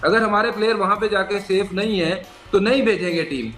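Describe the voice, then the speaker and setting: A man's voice: high voice, fairly quick, fairly bright tone, echoey room, soft background music. A man arguing insistently in a heated TV debate, dropping in English phrases. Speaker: Indian cricketer on a debate show.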